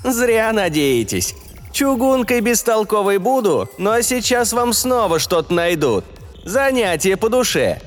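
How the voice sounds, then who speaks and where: A man's voice: sits high, very animated, measured pace, voice pushed up. A man voicing a cynical, nasty spaceship artificial intelligence in an audiobook, with a gloating, cawing delivery. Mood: mocking. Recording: long reverb, music behind.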